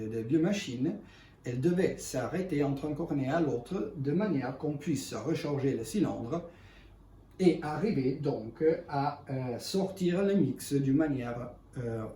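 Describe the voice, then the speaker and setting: A man in gives an unscripted product demonstration in halting, self-correcting, speech. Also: mid-range voice, lively intonation, warm tone. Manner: halting non-native French with self-corrections. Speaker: ice cream machine presenter. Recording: echoey room, distant mic, faint noise.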